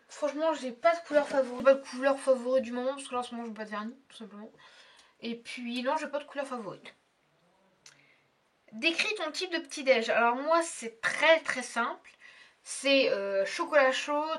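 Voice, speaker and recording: A woman's voice: high-pitched, fairly bright tone, distant mic. A young woman chatting casually in a beauty tag video, hesitant and full of fillers. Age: young adult. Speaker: beauty vlogger.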